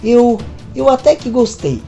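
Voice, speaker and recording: A woman's voice: a little high, big pitch swings, a little slow, creaky, dark tone, lo-fi sound, soft background music, pitched above the performer's own voice, full character voice. A woman voicing an upset young married woman who speaks anxiously and pleadingly. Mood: distressed.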